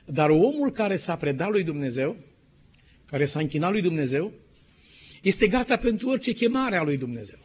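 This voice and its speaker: A male pastor preaching a sermon emphatically, sometimes dropping to a hushed tone. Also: on the high side, sing-song, husky. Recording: dull lo-fi sermon recording.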